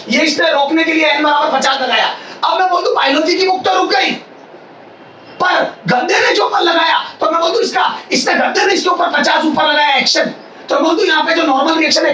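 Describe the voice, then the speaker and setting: A male physics teacher giving a classroom lecture in a loud, near-shouting voice, repeating phrases and quizzing his students. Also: very high voice. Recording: echoey classroom, mic far off, faint hiss.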